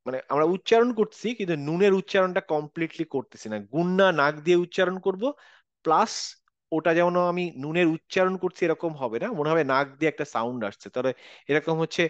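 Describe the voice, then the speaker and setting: Brief: male teacher on a video call, fairly high and smooth voice, patient step-by-step explaining, dry slightly dull sound. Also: dry recording. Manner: patient, explains step by step, models recitation slowly. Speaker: Quran recitation teacher. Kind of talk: online class teaching.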